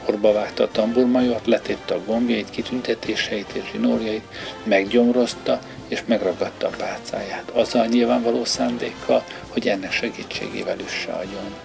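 A man narrating a story as an audiobook reader, in a measured storytelling manner, with music underneath. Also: lowish voice, fairly even intonation, creaky. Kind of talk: scripted narration.

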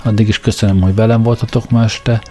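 A man narrating a serialized story in a low, mellow voice, steady and measured. He reads like a radio host presenting the evening's episode. Soft music plays faintly beneath him. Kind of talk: scripted narration, serial reading.

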